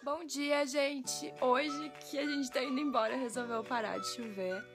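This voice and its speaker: Young Brazilian woman vlogger, grating morning voice, sleepy, slightly high, light music behind. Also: fairly even intonation, unhurried. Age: young adult. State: sleepy, just woke up. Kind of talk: casual vlog chat. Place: outdoors by a brick cabin porch. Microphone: phone at arm's length.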